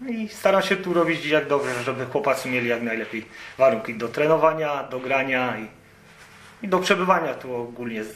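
A man's voice: medium pitch, lively intonation, moderate pace, a bit bright. A man being interviewed as a guest, answering modestly in short, guarded replies and keeping some things to himself. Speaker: guest, amateur football goalkeeper. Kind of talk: casual interview. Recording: roomy sound with faint noise.

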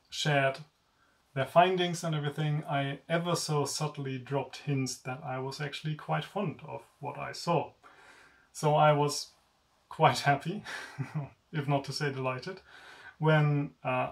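Filmed chest-up, a young man with a German accent, a native German speaker, casually talks through a sword review with a light, self-deprecating ease. His fairly high voice carries vocal fry and sits far from the mic, in an indoor room with swords on a wall rack.

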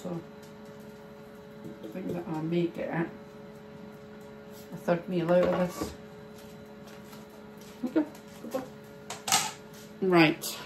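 A middle-aged woman, chatting slowly and thinking aloud as she preps food in her home kitchen. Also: on the low side. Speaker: cooking vlogger. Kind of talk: casual cooking chat. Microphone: phone camera held nearby. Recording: noisy home kitchen ambience.

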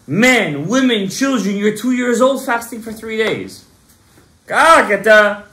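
Animated man teaching a Torah class. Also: sits high, takes it slowly. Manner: emphatic, gestures broadly, quizzes the listeners. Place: synagogue study room, indoors. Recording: roomy echo.

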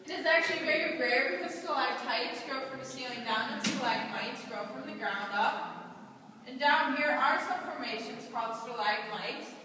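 A high-pitched woman gives a cave tour guide's rehearsed narration, laying out facts and safety instructions. She is heard from a distance inside a heavily echoing cave, through a passenger's camera. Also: moderate pace. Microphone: camera held by a passenger, away from speaker. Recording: echoey cave, distant handheld camera, loud noise.

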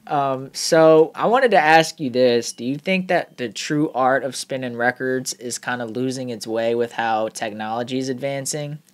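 Relaxed male interviewer. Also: medium pitch, moderate pace, few pauses. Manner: relaxed, short affirmations. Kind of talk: casual interview questions.

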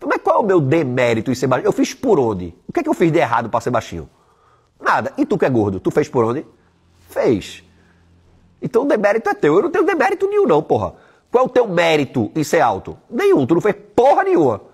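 Guy ranting on a live, blunt and sweary, husky voice, pitch jumping all over. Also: huge pitch swings, a little fast. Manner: blunt, profane, emphatic; tells stories and voices the people in them. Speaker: online weight-loss coach. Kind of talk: live-stream motivational talk.

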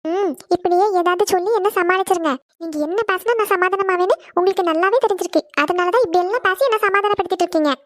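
A woman voicing a squeaky pouty young bride. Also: dry recording. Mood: mollified. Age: young adult. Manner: quick, high and pouty. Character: spoiled young bride from a rich family. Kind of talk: cartoon voice acting.

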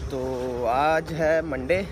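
A man's voice: a little high, takes it slowly, loud music behind the voice, poor audio. A young man chatting casually to viewers as he films a travel vlog on a phone held at arm's length. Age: young adult. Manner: chatty, excited, talks to viewers while filming. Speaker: vlogger. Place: outdoors on streets, then inside a moving car. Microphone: phone camera at arm's length. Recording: loud road and traffic noise.

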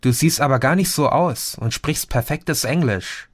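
A man's voice: mid-range voice, measured pace, no echo, studio quality, close to an everyday voice. A man voicing a friendly, talkative middle-aged Portuguese café owner who likes to explain things. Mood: friendly, chatty.

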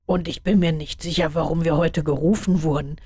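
Woman doing tired young male wizard, low, slow, measured, dark tone, dry sound. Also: steady tone, slightly rough, no echo. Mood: subdued.

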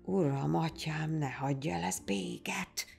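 A woman voicing a huge old male goat farmer who hollers in a booming voice. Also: huge pitch swings, vocal fry, soft background music, heavily acted. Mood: bewildered. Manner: loud hollering calls.

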